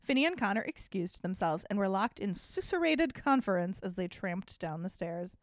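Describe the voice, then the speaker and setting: A woman's voice: medium pitch, very animated, normal speed, dry recording, clean studio sound. A woman co-hosting a comedy podcast, reading a story aloud and laughing often mid-sentence.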